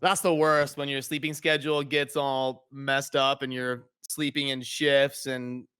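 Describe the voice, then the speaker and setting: Bright, clear man chatting casually. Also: mid-range voice, little pitch movement, measured pace. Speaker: streamer hosting a debate, content creator. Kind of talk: casual conversational debate.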